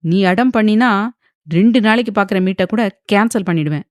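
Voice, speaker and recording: A woman's voice: medium pitch, steady tone, normal speed, a little mellow, no echo, lightly acted. A woman voicing a stern young man who speaks curtly and with impatience. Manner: curt and threatening.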